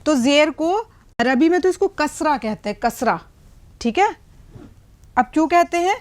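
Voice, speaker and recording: High-voiced woman teaching a patient lesson. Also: lively intonation, normal speed, darkish tone. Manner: patient explaining, frequent checks like "hai na?" and "theek hai". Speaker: Urdu teacher. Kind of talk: whiteboard language lesson.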